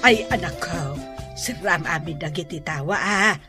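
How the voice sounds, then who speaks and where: In an Ilocano radio drama, a woman with an Ilocano accent plays a doting grandmother, her fairly low voice a bit slow against loud music, sounding natural. She's bossy and fussy, gushing and exclamatory with a sing-song wail, thoroughly melodramatic.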